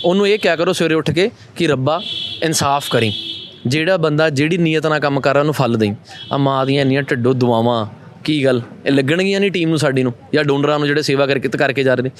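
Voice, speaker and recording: A man with a Punjabi accent who runs a charity, appealing to viewers and talking with patients in a busy office. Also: fairly high pitch. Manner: fast, earnest, repeats comforting phrases. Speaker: NGO founder and host.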